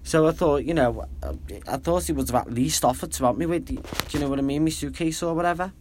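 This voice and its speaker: A man's voice: on the high side, quick pace, noisy background. Rambling Liverpool man in his thirties. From Liverpool, England. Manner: rambling, chatty, self-deprecating. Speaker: podcast host. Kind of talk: casual solo storytelling.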